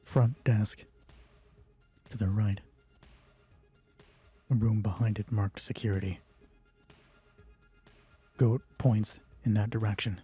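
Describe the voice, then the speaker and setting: Running a solo roleplay game as its game master, a man alternates terse, hushed story narration with informal, sweary remarks as he thinks aloud about play. He speaks on the low side in a steady, dark, slightly rough voice, slowly and with frequent pauses. Music sits in the background.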